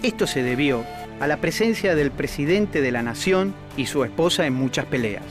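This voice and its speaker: A man reading a scripted educational narration in a steady, informative way. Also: on the high side, moderate pace. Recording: music bed under the voice.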